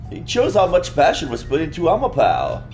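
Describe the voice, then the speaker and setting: A man's voice: on the high side, wildly swooping pitch, brisk, a little mellow. A man playing a video game, commenting casually and playfully and reading the on-screen text aloud. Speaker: let's play streamer. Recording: background music under the voice.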